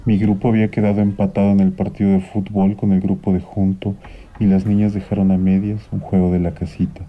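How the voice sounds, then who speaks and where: A man, reading a children's story aloud in an expressive, animated way. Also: lowish voice, brisk. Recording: dull lo-fi sound with faint music.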